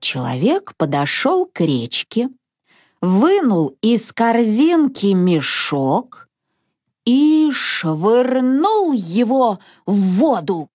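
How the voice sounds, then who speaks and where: A woman narrating a children's fairy tale in an expressive, animated, sing-song way. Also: fairly high pitch, extremely slow, no room sound, clean studio sound. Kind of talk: children's storybook reading.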